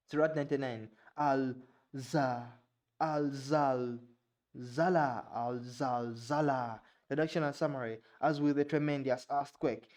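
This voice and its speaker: A Luganda-speaking young man from Uganda, a vlogger, reads haltingly in Ugandan-accented English, working through unfamiliar words as he goes. His voice sits a little high and sounds slightly mellow, and he adds casual remarks along the way.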